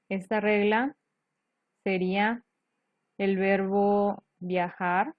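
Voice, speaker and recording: A woman's voice: mid-range voice, no room sound. A woman teacher explaining grammar rules step by step, patiently checking in with her students. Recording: dull lo-fi dry recording.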